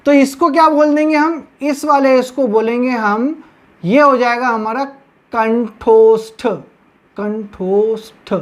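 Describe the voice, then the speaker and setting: A woman's voice: high-pitched, fairly even intonation, moderate pace. A woman teaching grammar at a board, explaining step by step and checking in with her students after each point. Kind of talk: blackboard lesson.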